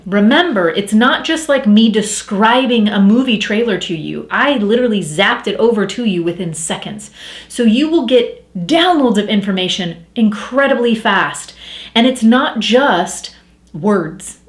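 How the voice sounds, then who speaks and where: A woman speaking as a spiritual coach in a casual teaching talk, chatty and animated, acting out inner voices as she explains. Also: mid-range voice, reverberant.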